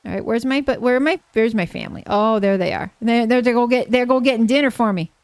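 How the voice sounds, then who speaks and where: A woman streamer giving casual live gameplay commentary, gushing and excitable as she talks to herself and her chat. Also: a little high, fast talker, clear, resonant tone, no room sound.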